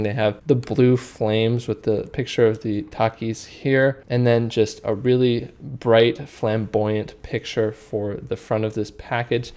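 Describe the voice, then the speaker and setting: A man's voice: mid-range voice, dark tone. A man hosting a casual food review, talking conversationally and describing things in careful detail. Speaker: food reviewer and video host. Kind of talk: casual product review commentary.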